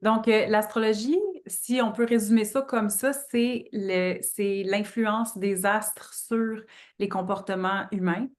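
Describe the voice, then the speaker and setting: A woman's voice: mid-range voice, fairly even intonation, takes it slowly. Québécois woman in her thirties. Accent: Québécois French. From Quebec, Canada. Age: 30s. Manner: thoughtful, many fillers. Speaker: astrologer guest. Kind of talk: remote interview answers.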